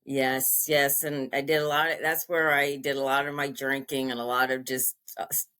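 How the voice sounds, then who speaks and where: An older woman from Long Island, New York, telling personal stories casually as a podcast guest, halting and repeating her phrases. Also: rumbling low, little pitch movement, sharp tone.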